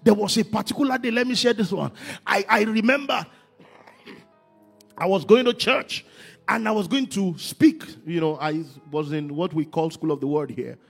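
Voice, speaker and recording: A man preaching a sermon, moving from quiet talk to shouted, sing-song emphasis. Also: high-pitched, normal speed, vocal fry, husky, faint music behind. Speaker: pastor.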